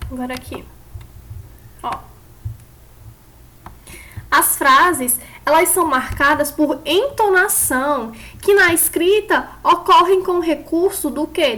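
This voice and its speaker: A woman's voice: extremely high pitch, a bit bright. A woman teaching an online class, explaining step by step and putting questions to her pupils.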